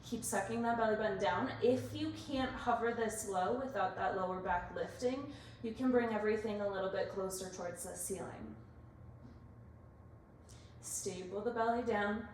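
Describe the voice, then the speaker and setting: A female workout instructor is heard from a distance in a very reverberant room, with faint noise underneath. She coaches in short, directive cues, briskly counting and naming each move. Her voice sits at an average pitch for a woman. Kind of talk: exercise class coaching, cueing moves and counts.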